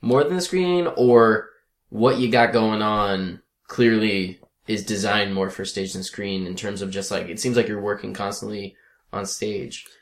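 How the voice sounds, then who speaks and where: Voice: deep voice, fairly even intonation, measured pace. A young podcast host chatting casually, playful and hesitant, full of fillers. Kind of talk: casual chat.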